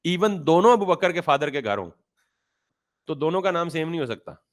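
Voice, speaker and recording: In this classroom-style coding lesson, the teacher's voice sits on the high side and is expressive, at normal speed. He explains beginner programming through everyday examples, slips in English terms, and keeps asking his students questions that he then answers.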